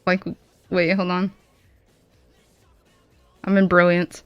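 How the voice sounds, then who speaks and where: Brief: woman, sharp-tongued, teasing friend, dry close mic with faint music. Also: on the low side, completely flat delivery, takes it slowly, smooth, dry recording, muffled recording. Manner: blunt, swears, teasing. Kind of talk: casual chat over voice call.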